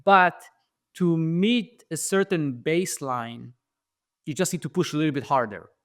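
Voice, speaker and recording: Fairly high-pitched and a bit bright, the man's voice moves a little slowly, recorded in studio quality with no room sound. He's a middle-aged franchise founder with an Israeli accent, thoughtfully telling his story as a podcast interview guest, with many fillers and restarts.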